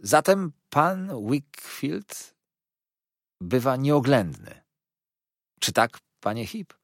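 A man's voice: mid-range voice, very animated, very slow, no echo, studio quality, pitched above the performer's own voice, heavily acted. A man voicing an earnest young man who answers tersely and coolly. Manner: terse, cool.

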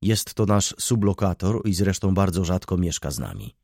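A man's voice: low voice, big pitch swings, moderate pace, a little mellow, no echo, studio quality, heavily acted. A man doing a smug, mock-polite student. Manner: sugary, mock-courteous. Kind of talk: audiobook reading.

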